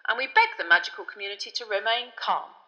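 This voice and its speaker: A woman's voice: medium pitch, quick pace, pushed and bright, long reverb tail, highs cut off. A woman voicing an irritable, pompous male government minister, blustering and defensive, as an audiobook character. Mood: official.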